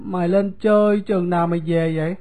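A woman doing a soft-spoken poor young boy. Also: lowish voice, steady tone, a little fast, natural voice. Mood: confiding. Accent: Southern Vietnamese. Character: poor scolded young boy Hồi, gentle and hopeful.

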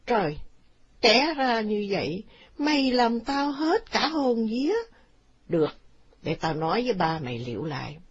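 A woman voicing an excitable older mother in a spoken story. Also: measured pace, husky, full character voice. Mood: soothing. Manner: shrill, excitable. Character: older mother, shrill and fretful.

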